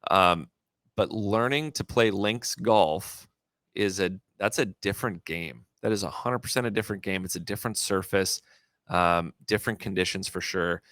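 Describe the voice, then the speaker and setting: Low-voiced chatty golf show co-host. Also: male voice, normal speed, fairly bright tone, dry recording, clean studio sound. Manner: chatty, self-correcting, jokes about his own radio DJ voice. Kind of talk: casual chat.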